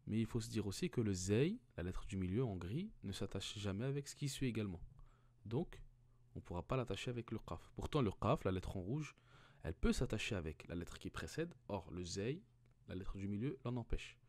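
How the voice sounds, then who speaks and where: Male tutor, unhurried and methodical, lowish voice, dry close recording, repeats syllables for learners. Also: very animated, darkish tone, no room sound. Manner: patient, repeats each sound several times, asks rhetorical questions. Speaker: Arabic reading teacher. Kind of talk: slow step-by-step reading lesson.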